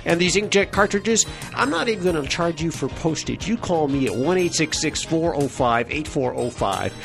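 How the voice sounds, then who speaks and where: A man's voice: fairly high pitch, animated, normal speed, creaky, over music. A man hosting a radio talk show, joking with his co-host and plugging giveaways. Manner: jokey, upbeat, plugging giveaways.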